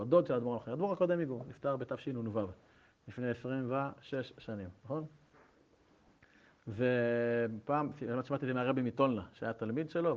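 A middle-aged man, a rabbi, teaching a Torah lesson with stories to listeners in a room. He speaks animatedly, often restarts, and swings between loud and soft. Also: mid-range voice. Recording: dull lo-fi recording.

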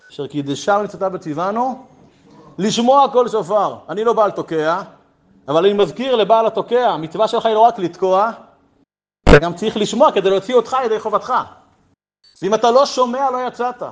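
A man giving a talk to an audience, telling humorous anecdotes and acting out the dialogue he quotes. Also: sits high. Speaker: lecturer. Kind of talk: storytelling talk to a live audience.

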